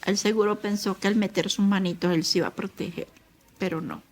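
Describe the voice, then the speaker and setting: A Colombian woman giving a personal testimony as the mother of a victim, grieving and repeating herself slowly. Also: mid-range voice, fairly even intonation. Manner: grieving, slow and repetitive.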